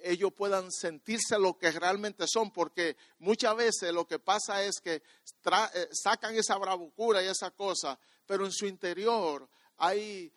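A man preaching a sermon, telling a personal story, often repeating and restarting words and swinging between quiet and loud. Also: high-pitched, no echo.

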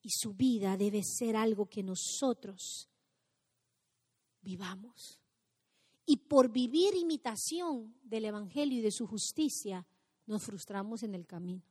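A woman pastor preaching an impassioned sermon, swinging between loud exclamations and near-whispers. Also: medium pitch, lively intonation, unhurried, in a large hall.

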